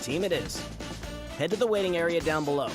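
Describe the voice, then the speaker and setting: A man's voice: a little high, lively intonation, a little fast, over music, lightly acted. A man playing a brusque, casual coliseum attendant in a video game, offhand and businesslike.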